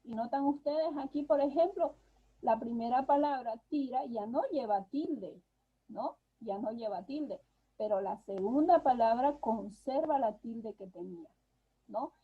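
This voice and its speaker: Husky-voiced woman teacher on a dull call. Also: on the high side, a little slow. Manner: patient, explanatory, tags phrases with "¿no?". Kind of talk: online class lecture. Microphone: video call. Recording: dull lo-fi video call audio.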